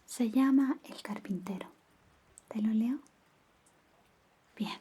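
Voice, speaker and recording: A woman playing a caring girlfriend in an ASMR ASMR role-play, softly and intimately reading bedtime stories in a breathy soft voice. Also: a little high, full character voice. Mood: playful, affectionate. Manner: soft, intimate, slow storytelling.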